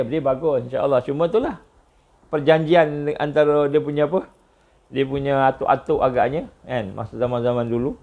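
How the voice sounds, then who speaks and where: A man with a Malaysian Malay accent giving a religious lecture, telling stories with lots of repetition and a voice that jumps high on key points. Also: creaky, narrow, tinny audio.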